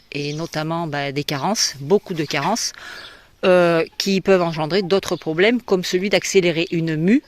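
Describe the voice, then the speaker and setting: French woman breeder, casual explainer tone, recorded on a phone outdoors with faint farmyard noise. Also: lowish voice. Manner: chatty, explanatory, with many fillers. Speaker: poultry breeder. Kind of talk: casual walk-through video. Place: outdoor poultry yard. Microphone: handheld phone. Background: hens clucking.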